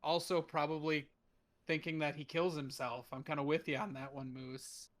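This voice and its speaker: A man's voice: fairly high pitch, little pitch movement, normal speed, a bit bright. A young man co-hosting a casual fan podcast, rambling through his ideas with jokes and casual swearing. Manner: rambling, jokey, casually profane. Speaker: podcast co-host. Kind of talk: casual chat.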